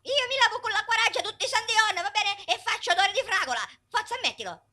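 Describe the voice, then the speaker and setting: An indignant, nagging wife with a Sicilian accent. Her voice is extremely high, bright and quick. It comes from a comic dub of a video game. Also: animated, exaggerated voice.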